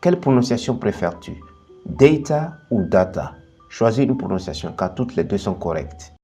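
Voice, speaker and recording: Mellow-voiced man teaching pronunciation. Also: on the low side, lively intonation, faint music behind. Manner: slow, deliberate modelling of word pairs. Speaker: English teacher, channel host. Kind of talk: bilingual pronunciation lesson.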